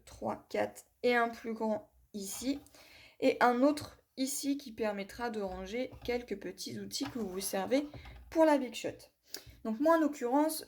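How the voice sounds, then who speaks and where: Reviewing a craft tool through a hands-on demo, a woman with a fairly high, somewhat mellow voice talks viewers through every step. She chats freely, sprinkles in many "voilà" and "hop," and apologizes for her English pronunciation.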